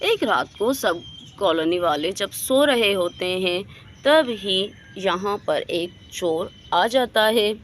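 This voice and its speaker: A woman's voice: mid-range voice, lively intonation, slow, slight background noise. A woman narrating a bedtime moral story acted out with dolls, step by step.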